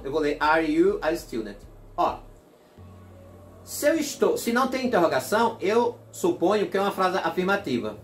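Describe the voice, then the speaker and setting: Brazilian male teacher, slow deliberate drills, slightly raised pitch, echoey classroom. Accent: Brazilian Portuguese. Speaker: English teacher. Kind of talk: classroom lesson. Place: classroom with a board.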